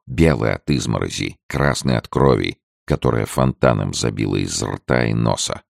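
With a deep, gravelly voice, a man narrates an adventure audiobook at a measured, steady storytelling pace. The recording is dry, with clean studio sound.

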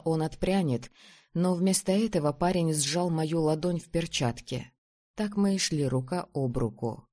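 A narrator reading a first-person novel aloud in a calm, steady storytelling manner. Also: medium pitch. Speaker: audiobook narrator.

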